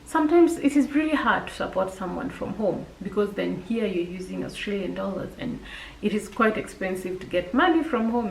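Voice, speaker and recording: Woman, Kenyan accent, casual vlog advice, chatty and direct, gravelly fry, roomy echo, mic set back. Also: mid-range voice, a little mellow, recorded from a distance, slight background noise. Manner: chatty and direct, addressing viewers with practical tips. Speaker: vlogger. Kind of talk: casual advice talk to camera.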